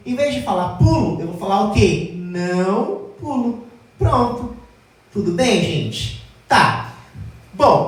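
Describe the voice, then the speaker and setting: Echoey woman teaching at a distance. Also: medium pitch. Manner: addresses class as "gente", checks with "tá?"; slows down to stress key words. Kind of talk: whiteboard logic lesson. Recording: very echoey room, mic far off.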